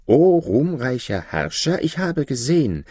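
A man voicing a scheming, envious court vizier who flatters and presses his point insistently, in a storybook reading. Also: medium pitch, measured pace, slightly rough, no room sound, clean studio sound. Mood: flattering. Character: scheming envious male vizier, smooth-tongued.

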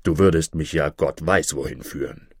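Man doing a gruff, low-voiced blacksmith. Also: moderate pace, a little mellow, no room sound, studio quality. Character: strong, blunt adult male blacksmith.

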